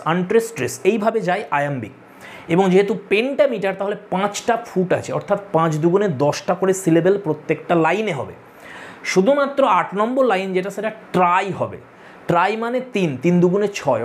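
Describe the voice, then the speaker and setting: A man teaching literature to exam students in a lecture, explaining step by step, repeating key points and telling students to take notes. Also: sits high. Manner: addresses students directly, tells them to take notes. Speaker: literature tutor.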